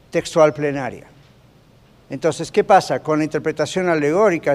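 Preaching pastor in a reverberant hall. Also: male voice, a little high, darkish tone. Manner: conversational teaching, asks the congregation questions; mixes English fillers into Spanish. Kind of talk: sermon.

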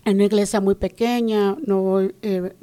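A woman's voice: mid-range voice, flat delivery, unhurried, dark tone. A woman from Venezuela, telling her personal faith story in an interview, earnest and full of quoted conversations. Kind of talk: personal testimony.

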